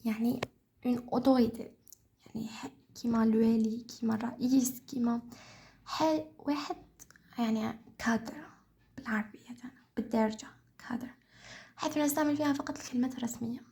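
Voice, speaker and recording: Fast-talking Algerian woman tutor, gravelly. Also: on the high side, fairly even intonation, mellow. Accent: Algerian Arabic. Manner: explains patiently, repeats key terms, mixes French terms into dialect. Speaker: teacher reviewing French for exams. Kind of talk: casual exam review lesson.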